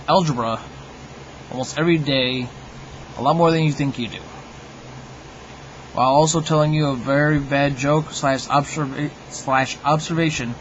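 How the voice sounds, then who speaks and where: A man hosts his own video, delivering a humorous monologue to viewers in a wry, tongue-in-cheek tone full of mock opinions. His voice is on the high side, the highs are cut off, and there's slight background noise.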